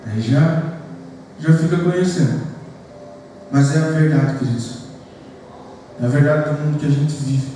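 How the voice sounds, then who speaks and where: A man's voice: on the high side, unhurried, long pauses, dark tone, slight background noise. A man from Brazil, a pastor preaching an earnest sermon to his congregation in a church hall. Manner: earnest, addresses the congregation as "queridos". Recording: echoey church hall picked up from far off.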